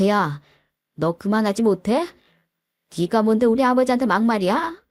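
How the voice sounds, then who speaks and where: Woman doing a mad husband yelling back, highish voice, super dry sound. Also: moderate pace, no echo, natural voice. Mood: angry. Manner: barking, scolding. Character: angry husband defending his family.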